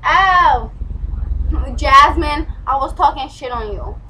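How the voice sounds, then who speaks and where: A woman's voice: sits high, animated, slow, pushed and bright. A young woman chatting casually in slangy, teasing banter on a home video. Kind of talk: casual chat. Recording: noisy home video, distant mic.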